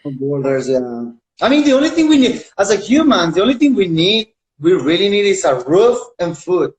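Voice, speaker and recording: A man with a somewhat higher-than-usual voice talks as a guest in a relaxed interview. He works as an actor. He speaks in short bursts and repeats his phrases for emphasis. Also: brisk, rough recording. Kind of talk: casual interview chat.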